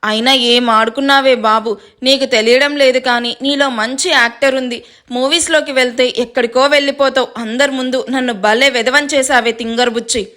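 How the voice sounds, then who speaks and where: A woman's voice: high voice, normal speed. A woman reading an audio story, voicing a joking, easygoing young man who mocks and teases. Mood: teasing. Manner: joking, mocking, calm. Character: teasing easygoing young man, brother-in-law.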